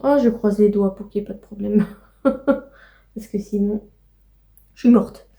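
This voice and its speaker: A woman's voice: medium pitch, a little slow, creaky, warm tone. A young woman chatting casually in a home vlog, rambling with many fillers and cooing to her pets. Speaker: vlogger.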